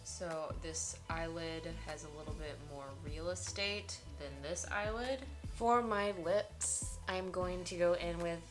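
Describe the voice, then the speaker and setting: Low-pitched woman narrating a makeup tutorial. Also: slow pace, few pauses, music in the background. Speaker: beauty vlogger.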